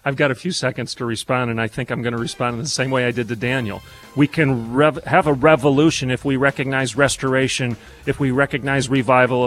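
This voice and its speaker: A man's voice: medium pitch, a bit bright, poor audio. A man hosting a call-in radio show, speaking in a fervent, preacherly way. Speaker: guest radio host.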